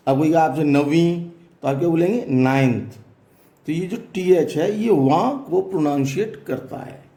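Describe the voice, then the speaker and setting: A man's voice: on the high side, dark tone, echoey room. A man teaching a classroom math lesson, explaining step by step and asking students questions as he goes.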